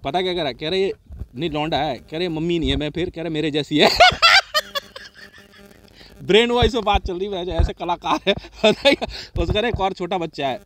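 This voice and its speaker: On a very noisy recording, a high-voiced man speaks fairly quickly as he tells a vulgar tale from his neighbourhood. He curses heavily, repeats what the neighbours said, and laughs often throughout.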